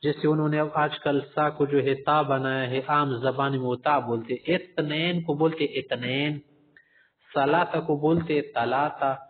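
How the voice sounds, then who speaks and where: A man's voice: fairly high pitch, steady tone, a little hiss or hum. Male tajweed teacher, lesson style, stretches out sung examples, thin lo-fi line. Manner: demonstrates recitation slowly, drawn out and sung; addresses listeners as respected gentlemen, explanatory. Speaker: Quran recitation teacher. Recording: tinny phone-like recording.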